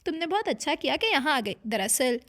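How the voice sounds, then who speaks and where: A breezy, self-assured boss who chatters on, voiced by a woman reading a romance novel aloud. The voice stays high and light. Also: sing-song, fairly quick, a bit bright.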